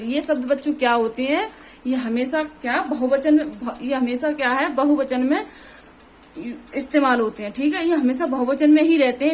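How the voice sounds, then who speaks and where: A woman teacher with a Hindi accent from Uttar Pradesh, explaining grammar to students through examples and often checking that they follow. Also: high-pitched. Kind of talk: exam-prep grammar lesson.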